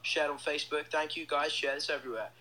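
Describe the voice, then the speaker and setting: A young man, a band member hosting a phone livestream, chats casually and upbeat from a small indoor room while reading out fan comments. His voice sits fairly high with fairly even intonation, and he talks fast in a pushed, bright way. The phone is held close to his face.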